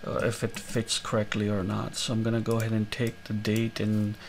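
Gravelly man talking through a tutorial. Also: lowish voice, fairly quick, a little hiss or hum. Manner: relaxed step-by-step explaining with many fillers. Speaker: tutorial host. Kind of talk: screen-recorded coding tutorial.

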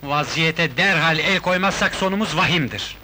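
A pompous scheming son-in-law. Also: male voice, a little high, normal speed, bright, forceful tone, slight background noise.

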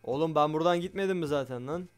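A man giving excitable let's play commentary on a game, loud and jumpy, swearing often and talking straight to his viewers. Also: on the high side, fast talker, clear, resonant tone, soft background music. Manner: loud, shouts a lot. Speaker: gaming YouTuber.

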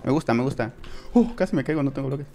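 A gaming creator giving excited, profane live commentary, yelping and laughing while talking to viewers as friends. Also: medium pitch, fast talker, slight background noise. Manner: excitable, swears, yelps and laughs at the action.

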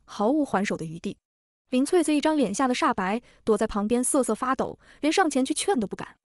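A woman reads out a fantasy novel recap at a rapid clip, her voice sitting a little high. She keeps an even, brisk storytelling tone and touches the characters' lines only lightly. The sound is dry and close. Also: dry recording. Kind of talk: fast scripted storytelling narration.

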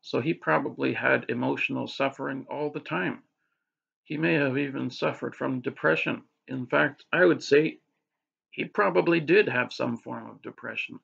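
A man's voice: mid-range voice, creaky, fairly bright tone, husky. A man vlogging casually about faith, rambling with restarts and filler words. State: hiccups. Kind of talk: casual religious monologue to camera. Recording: dull lo-fi audio.

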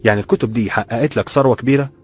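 A man voicing an eager, tense young man who asks quick questions in colloquial Egyptian Arabic. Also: medium pitch, husky, faint music behind, voice pushed up, natural voice.

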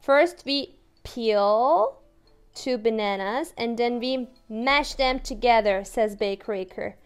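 A young female English teacher with a Turkish accent reads a picture book aloud to toddlers in a sing-song, playful way. Her pace is very slow, her pitch fairly high, and her tone clean, with faint music playing in the small room.

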